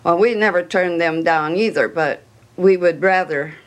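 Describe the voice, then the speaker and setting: A woman's voice: fairly low pitch, normal speed. An older woman sharing oral-history memories in plain conversational speech. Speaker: interviewee.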